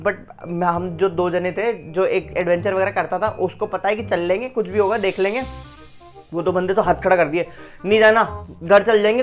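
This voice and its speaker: A young man vlogging, retelling a camping adventure in a slangy, animated, conversational way full of asides. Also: sits high. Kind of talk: casual storytelling.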